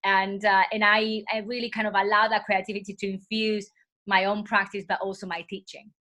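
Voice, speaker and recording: A woman with a cold speaks in a husky yet bright, forward voice. She talks as a yoga teacher in a casual interview and drifts between thoughts with gentle fillers and self-corrections. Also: mid-range voice, flat delivery, fairly quick. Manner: meandering, full of soft fillers and restarts.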